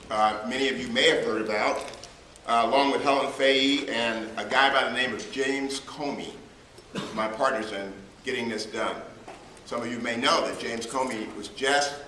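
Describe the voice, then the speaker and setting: A middle-aged man, a former police chief, telling stories from his career in a measured, anecdotal way to a club audience. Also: medium pitch, pushed and bright, a little hiss or hum. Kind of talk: storytelling talk to a club audience. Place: hall at a club luncheon. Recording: roomy hall, mic at a distance.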